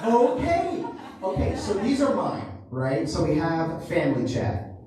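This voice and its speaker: A stand-up comedian from a Cuban family tells a long, loosely rambling story in a small theater. His voice sits on the high side and swoops wildly in pitch, moving a little slowly. The sound is echoey and distant, with crowd noise.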